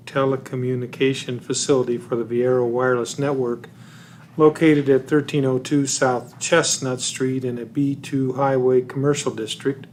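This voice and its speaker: A man on a city council, deliberately reading out a formal motion full of legal wording. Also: mid-range voice, a little mellow, a little hiss or hum.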